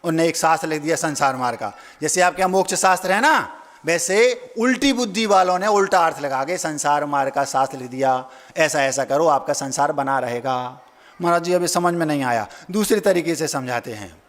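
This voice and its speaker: A man's voice: a little high, animated, fairly quick, fairly bright tone. A man, a monk preacher, giving a folksy storytelling sermon, acting out family voices and asking his listeners questions. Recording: hall reverb.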